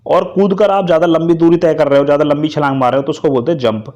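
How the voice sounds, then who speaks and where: Man teaching English verbs, slightly high voice. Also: steady tone, rapid-fire, darkish tone, dull audio. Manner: addresses students directly, repeats answers as quiz questions. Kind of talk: vocabulary lesson.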